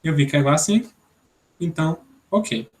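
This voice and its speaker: Young man from Brazil, programming instructor, raised pitch, patient, thinks aloud. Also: normal speed. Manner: explanatory, thinks aloud, many "né?" tags. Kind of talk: online programming class.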